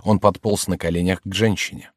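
A man narrating an audiobook in a steady storytelling manner. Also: deep voice, fairly quick, no room sound, studio quality.

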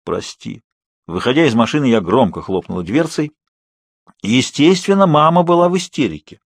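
A man narrating an audiobook in a steady, measured storytelling manner. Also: mid-range voice, dry recording. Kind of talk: scripted narration.

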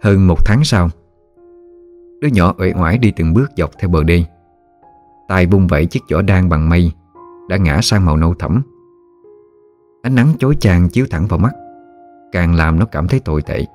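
Deep-voiced male narrator, calm and measured, for a spoken story over soft music.

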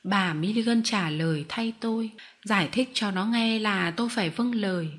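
A woman's voice: mid-range voice, normal speed, fairly bright tone. Woman reading a storybook aloud. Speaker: audiobook reader. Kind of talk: storybook narration.

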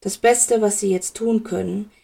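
A woman reading a calm, soft-spoken old male headmaster wizard in a fan fiction audiobook. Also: mid-range voice, measured pace, gravelly.

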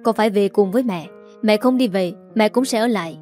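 A woman voicing a scornful middle-aged stepmother, a teacher, who scolds in a haughty, shrill way. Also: a little fast, a little mellow, faint music behind, lightly acted. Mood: defensive.

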